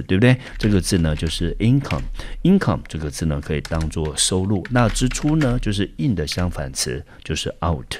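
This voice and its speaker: A man teaches English vocabulary in Taiwanese-accented Mandarin. His voice sits very low yet moves with lively rises and falls. He walks through each word patiently, step by step. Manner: explains step by step, often opens with "好". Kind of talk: vocabulary lesson. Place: recorded for a school video channel.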